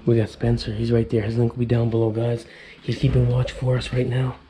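A man's voice: mid-range voice, completely flat delivery, fairly quick, warm tone. A man in his thirties, a vlogger giving an easygoing walkthrough of an abandoned house, talking to viewers. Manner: easygoing, talks straight to viewers. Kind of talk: casual walkthrough commentary. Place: empty abandoned house indoors. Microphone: handheld camera mic. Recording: echoey empty rooms, faint noise.

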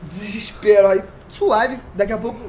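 A man with a Brazilian accent telling a story on a casual podcast, animated, full of slang and sound effects. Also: high-pitched, moderate pace, a little hiss or hum. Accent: Brazilian Portuguese.

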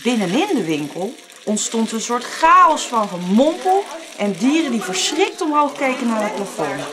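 A woman narrating a children's storybook in an expressive, dramatic way. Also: a little high, moderate pace, a loud crowd.

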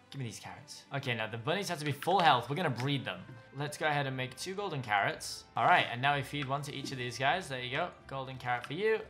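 Excitable young man, gaming commentary. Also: fairly high pitch. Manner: excitable, gushing, talks to the game animals. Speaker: gaming YouTuber. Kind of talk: let's play commentary.

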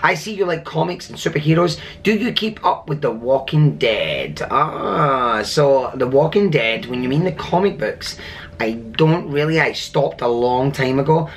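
A man's voice: mid-range voice, big pitch swings, moderate pace, few pauses. Upbeat man vlogging, faint background noise. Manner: upbeat, enthusiastic. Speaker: cruise director and vlogger. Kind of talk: casual vlog chat to camera and viewers.

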